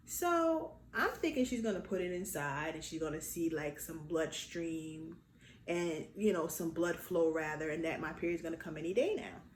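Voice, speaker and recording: A young adult woman telling a personal story in a casual vlog, lively and acting out the quotes. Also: moderate pace. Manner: animated, acts out quotes with big pitch jumps. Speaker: vlogger. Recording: echoey room with faint noise.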